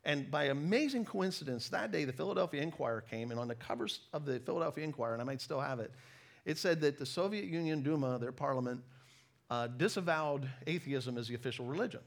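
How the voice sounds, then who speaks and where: Lively intonation marks the mid-range voice of a middle-aged preacher from the United States, formerly a missionary, as he tells personal stories in a sermon. He sounds conversational and self-deprecating while pressing points home with deliberate pauses.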